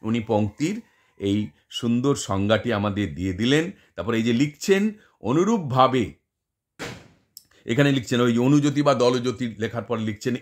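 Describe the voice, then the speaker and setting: A man giving a lecture, explaining step by step, repeating examples and asking his listeners rhetorical questions. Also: medium pitch. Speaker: teacher. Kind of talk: lecture on Bengali poetic meter.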